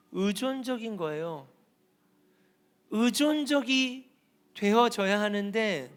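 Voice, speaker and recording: Male pastor, very high voice, preaching with rhetorical questions and surging intensity. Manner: rhetorical questions, rising to shouts at climaxes. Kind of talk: sermon.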